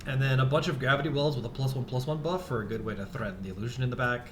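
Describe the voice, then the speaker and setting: A man casting a digital card game tournament, calmly explaining plays and rules as they happen. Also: medium pitch, racing, a little hiss or hum. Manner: explanatory, relaxed, gives rules tips. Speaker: esports caster. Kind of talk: play-by-play commentary.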